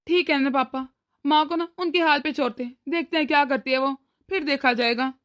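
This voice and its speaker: A woman's voice: sits high, fairly quick, a bit bright. A woman voicing an anxious young cartoon husband. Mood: pleading. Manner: pleading, anxious. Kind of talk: cartoon voice acting.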